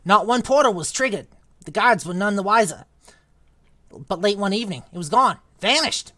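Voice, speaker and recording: A woman's voice: mid-range voice, lively intonation, moderate pace, fairly bright tone, no room sound. A woman voicing a fussy, gossiping male spirit shopkeeper who fawns and trails off as he talks. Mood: mournful. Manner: gossipy, fawning, hesitant. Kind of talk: reading a novel aloud.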